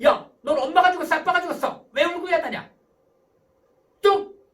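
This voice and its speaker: Man acting as a scolding parent, shrill loud voice, sharp outbursts, heard from a distance. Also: normal speed. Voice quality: loud, high and shouty. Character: exasperated parent scolding a crying child.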